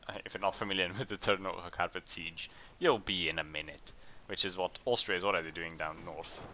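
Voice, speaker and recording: A man hosting a let's play, chatting casually and thinking aloud as he plays, with bursts of excitement in tense moments. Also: sits low, a little fast. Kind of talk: casual game commentary.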